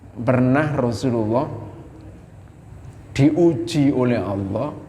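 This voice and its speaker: A man preaching a folksy, animated sermon in a mosque, speaking directly to the congregation. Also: mid-range voice, gravelly, slight background noise. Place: mosque hall. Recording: long echo of a mosque hall.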